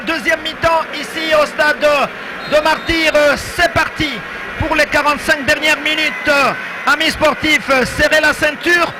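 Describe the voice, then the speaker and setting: A man with a Congolese accent giving excited, emphatic live football commentary, often repeating his phrases. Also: very high-pitched, a little slow. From Democratic Republic of the Congo. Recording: very noisy stadium broadcast. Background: loud stadium noise.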